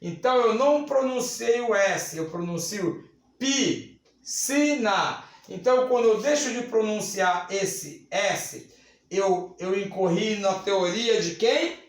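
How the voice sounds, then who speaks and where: Brazilian guy teaching grammar, slow and high-pitched, stretches words out. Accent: Brazilian Portuguese. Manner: deliberate, drawn-out words, checks in with the class. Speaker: Portuguese teacher for civil service exams. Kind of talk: classroom lecture at a whiteboard. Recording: very echoey room.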